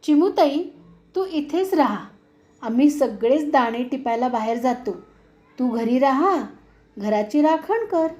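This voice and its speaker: Woman doing a kind big-brother rooster from a storybook, reassuring, gentle, slow, mellow. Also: high-pitched, animated, muffled recording. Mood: kindly. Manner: warm-hearted, reassuring.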